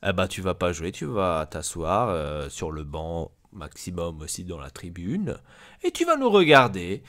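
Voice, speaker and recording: A man's voice: low-pitched, sing-song, measured pace, fairly bright tone, voice pushed down, full character voice. A man voicing a blunt, crude male football club boss who scolds his players, in an Italian accent. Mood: scolding.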